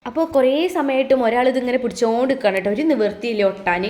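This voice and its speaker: A woman's voice: fairly high pitch, racing, darkish tone. A woman, casually chatting to viewers step by step while making crafts at home. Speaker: family vlogger. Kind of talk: casual crafts vlog chat.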